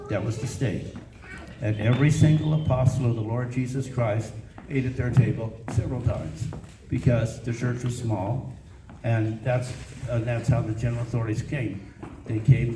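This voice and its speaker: An older American man with a grandfatherly, rambling way of talking tells family history informally, circling back and repeating phrases. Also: medium pitch. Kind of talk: informal oral family storytelling. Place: echoey room, recorded from a distance. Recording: roomy, noisy, distant microphone, clicks.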